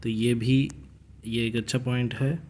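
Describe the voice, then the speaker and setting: Young guy going over class notes, casual lecture, slows right down to read the english bits, voice in the middle range. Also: mid-range voice, flat delivery, a little mellow, slight background noise. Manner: reads English lines slowly, explains conversationally. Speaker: teacher explaining exam notes.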